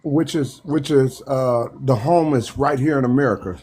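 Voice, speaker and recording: A Texan panelist makes his point in a live discussion using a mid-range voice that's slightly mellow and husky. His delivery is emphatic and repetitive, broken by halting restarts.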